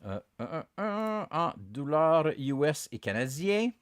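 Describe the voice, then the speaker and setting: A man with a Quebec French accent, a native French speaker, hosting a casual bilingual podcast and switching between English and French in an animated, hesitant way. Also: fairly high pitch, unhurried, clean tone, no room sound, clean studio sound. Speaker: podcast host.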